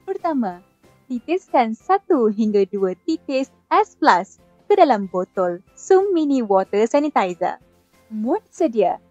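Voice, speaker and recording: A Malaysian woman with a fairly high voice delivers a scripted infomercial pitch in the manner of a TV shopping announcer. Her wording is carefully enunciated and promotional. The audio is slightly dull, with music playing underneath. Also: no room sound. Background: background music.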